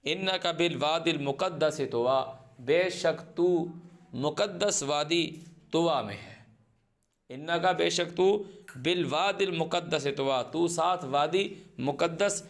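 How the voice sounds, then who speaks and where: A man teaching a scripture lesson, reciting each verse slowly and then translating and repeating it phrase by phrase, stopping to quiz his students. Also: on the high side. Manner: asks the class questions and answers them himself. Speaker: Quran teacher.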